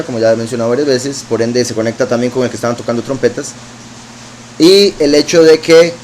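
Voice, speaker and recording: Man teaching scripture, fairly high voice. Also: darkish tone, slight background noise, low-quality recording. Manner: reads verses aloud then explains them, with frequent asides. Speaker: preacher.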